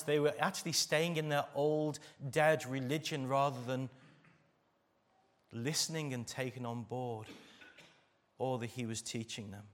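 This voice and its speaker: A man with an English East Midlands accent from Derbyshire, preaching a church sermon in an emphatic way, repeating phrases for weight. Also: mid-range voice. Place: speaking live to a church congregation.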